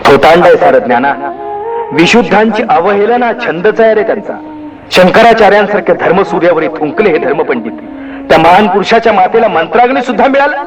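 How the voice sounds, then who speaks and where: A man's voice: on the high side, big pitch swings, fairly quick, voice pushed up, low-quality recording. A man voicing a proud, hot-tempered young brother who speaks in a raised, heated, indignant way. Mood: angry. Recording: music behind the voice.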